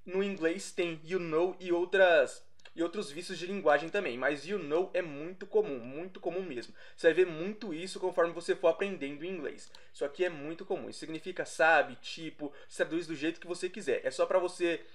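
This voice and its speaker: A young Brazilian man teaching a casual English lesson, explaining slowly, repeating himself and correcting his own slips. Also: fairly high pitch. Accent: Brazilian Portuguese.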